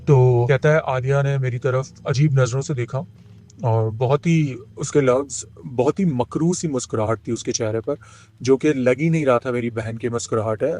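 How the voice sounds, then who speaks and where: A man's voice: medium pitch, mellow. Man telling a horror story. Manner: retells a friend's account with many pauses and fillers. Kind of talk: casual spoken horror storytelling.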